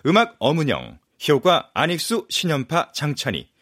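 Man announcing the credits, lively pitch. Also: no echo, studio quality. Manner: measured, announcing. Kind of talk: reading the credits.

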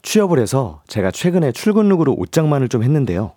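Male voice actor co-host, relaxed, expressive reads, mid pitch, dry studio mic. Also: fast talker, no room sound. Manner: easygoing, reads listener messages aloud. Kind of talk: casual radio chat.

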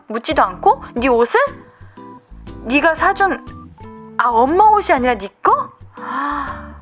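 A young woman radio DJ delivering a scripted, gentle and consoling monologue as if to an upset friend. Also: a little high.

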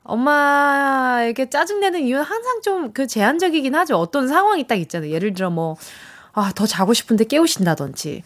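A woman's voice: high-pitched, expressive, a little fast. A young woman hosting a radio show, reading listener messages in a chatty, encouraging way and acting out quoted lines.

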